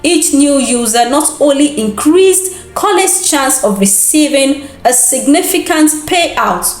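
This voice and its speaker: A female storyteller and host narrates a scripted dramatic folktale with expressive care. Her voice is fairly high and her pace slow and unhurried. Noticeable room echo surrounds her.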